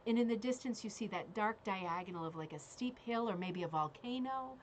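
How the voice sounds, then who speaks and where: A woman's voice: medium pitch, fairly quick. A woman hosting a casual live craft show as bingo caller, chatting with frequent check-ins and reading out details. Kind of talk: casual live show chat with read-out descriptions. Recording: clearly audible background noise.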